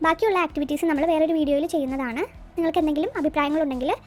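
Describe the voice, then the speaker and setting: Woman teacher, very high voice, patient step-by-step explainer who poses questions and answers them, soft music bed behind. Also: very fast. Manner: asks and answers her own questions, translating English lines. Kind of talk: explaining a school textbook lesson.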